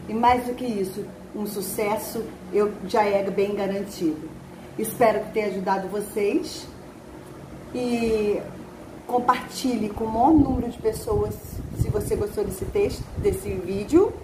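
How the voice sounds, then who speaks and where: A woman's voice: medium pitch, echoey room, noisy background. A woman who trains literacy teachers, speaking earnestly in an online teaching video and stretching out syllables when she demonstrates them.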